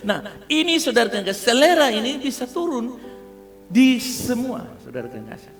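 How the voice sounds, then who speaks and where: A high, animated man's voice with a Kupang Malay accent, preaching with humor and constant asides to the congregation. His pitch swings widely, and the church hall adds a long reverb. Soft music plays faintly behind him. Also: normal speed. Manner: lively, humorous, addresses listeners as "saudara kasih" often. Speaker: pastor. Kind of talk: sermon.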